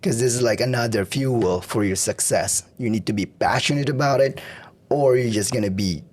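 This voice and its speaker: A man hosts a podcast interview in a voice worn hoarse, since he lost it only days earlier. He keeps a loose, easygoing flow, dotting his talk with "like" and "right?". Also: mid-range voice, normal speed. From Filipino community. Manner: relaxed, fills with "like" and "right?". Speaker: podcast host. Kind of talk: casual interview.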